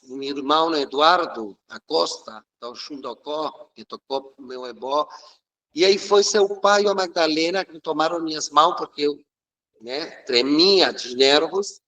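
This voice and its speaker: A Uruguayan man, a native Spanish speaker with a Uruguayan accent, appears as an interview guest and tells his religious life story. He is earnest and reflective, with occasional halting restarts, in emotional personal storytelling. His voice is a little high and a bit bright, on a low-quality recording.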